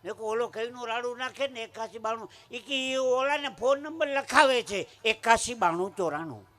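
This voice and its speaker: High, bright-voiced Kathiawadi folk humorist. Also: male voice, moderate pace. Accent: Kathiawadi Gujarati. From Saurashtra, Gujarat. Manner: punchy joke-telling, acting out quoted voices. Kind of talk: live folk comedy storytelling. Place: live stage at a village religious event.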